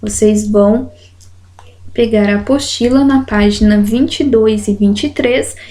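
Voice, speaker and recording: A woman with a Brazilian Portuguese accent teaching a grammar lesson, explaining slowly and checking in with her students as she reads example sentences aloud. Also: mid-range voice, mellow.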